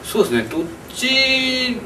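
A man in his forties, an animation director, answering interview questions thoughtfully with many pauses and fillers in a small press room. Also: very high-pitched, sing-song. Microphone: camera across the room. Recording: distant camera mic, faint noise.

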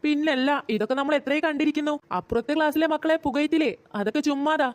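A woman's voice: high-pitched, fast talker, no room sound, natural voice. A woman voicing a careless, cheeky schoolboy in a cartoon who talks in an offhand, sarcastic way.

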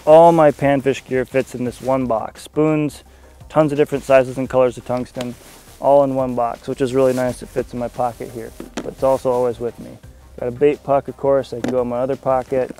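Out on a frozen lake, a young man from the fishing staff gives a casual rundown of his gear. His mid-range voice stays relaxed and conversational, with lots of fillers.

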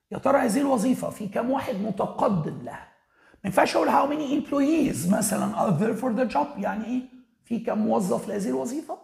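A man with an Egyptian Arabic accent teaches English vocabulary. His high voice has a strong gravelly fry. He reads example sentences slowly in an echoey room. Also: a little mellow. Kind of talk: recorded vocabulary lesson.

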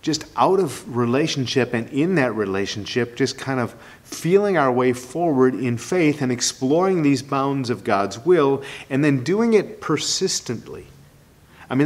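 A male pastor delivers a sermon in an earnest, exploratory way. His voice sits in a middle range, and he often doubles his words as he works his thoughts out aloud. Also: mid-range voice.

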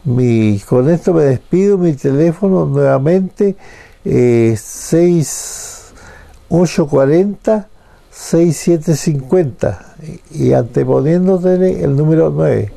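A man preaching a radio sermon, telling a Bible story slowly and haltingly. His voice is very dark, with a gravelly fry, sitting a little above the usual pitch. He keeps repeating words as he feels his way forward. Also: animated. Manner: halting, repeats words, acts out the quoted speakers in a higher voice. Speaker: pastor.

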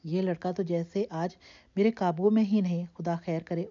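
A woman's voice: fairly low pitch, fairly even intonation, dark tone, close to an everyday voice. A woman voicing an anxious, loving older mother who speaks in a pleading, reproachful way in a storybook reading. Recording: dull lo-fi recording.

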